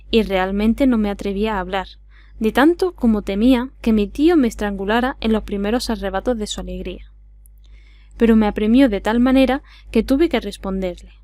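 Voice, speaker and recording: A woman's voice: a little high, mellow, dry recording. A woman with an Andalusian accent reading a classic adventure novel aloud as scripted narration. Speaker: audiobook reader.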